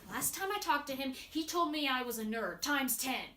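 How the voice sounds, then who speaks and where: A woman voicing young Sherlock, a clever, bored, know-it-all boy, acting in an amateur audio drama. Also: sits high. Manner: cocky, excitable, quick to complain of boredom. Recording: roomy echo, faint noise.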